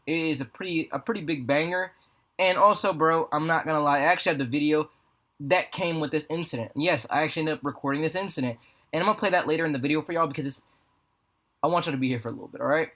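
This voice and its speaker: Fast, higher-voiced American guy rambling. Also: sharp tone. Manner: rambling, slangy, profane. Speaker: video creator. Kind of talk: casual storytelling vlog. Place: apartment room with a fan running. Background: fan hum.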